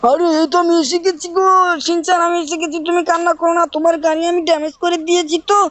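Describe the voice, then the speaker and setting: A woman's voice: very high voice, flat delivery, racing. A woman voicing a clumsy, apologetic cartoon robot cat in a game role-play, pleading and chatting to viewers.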